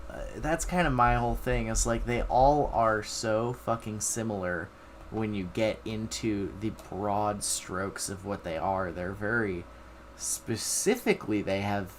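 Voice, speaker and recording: A man's voice: lowish voice, slight background noise. A man streaming casual reaction commentary, swearing freely and talking in sardonic, exaggerated exasperation. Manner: profane, hyperbolic, exasperated, sardonic.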